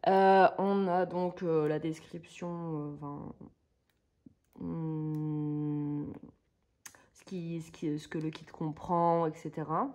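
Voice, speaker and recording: A woman's voice: deep voice, little pitch movement, slow, pauses often, a little mellow. A woman vlogger chatting casually through a craft kit unboxing, hesitant and searching for words with many fillers.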